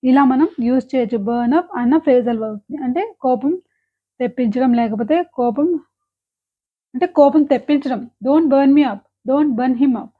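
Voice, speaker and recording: A woman teaching English phrasal verbs, explaining quickly and then saying each example sentence slowly and deliberately. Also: high voice. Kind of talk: language lesson. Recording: tinny phone-like sound.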